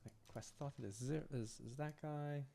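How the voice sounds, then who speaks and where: A slightly hoarse man who is losing his voice, thinking aloud in a halting, self-muttering way as he works through scripts on a live stream. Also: medium pitch, mellow. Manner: halting, restarting, muttering to himself. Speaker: game modder live streaming.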